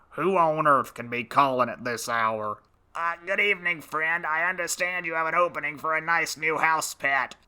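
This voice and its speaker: A man's voice: a little high, pushed and bright, clean tone. A man voicing a sulky, wheedling male pet parrot on a storybook record. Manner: whiny, pleading, slow and drawn out.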